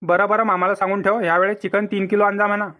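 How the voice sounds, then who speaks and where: A man's voice: high voice, little pitch movement, fast, sharp tone. A man voicing a stubborn, cheeky young village son-in-law in a cartoon comedy, with a rural Vidarbha Marathi accent. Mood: bickering.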